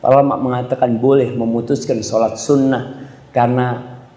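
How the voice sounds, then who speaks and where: A man's voice: medium pitch, moderate pace. Man preaching in an echoey hall. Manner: animated storytelling, acting out mother and child. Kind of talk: sermon. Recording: echoey hall with long reverb.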